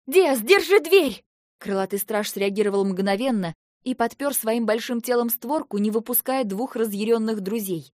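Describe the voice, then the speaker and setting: A woman narrating a fantasy novel in the first person, with an expressive, emotional delivery. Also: medium pitch, normal speed, hardly any pauses, no room sound, studio quality. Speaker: audiobook narrator.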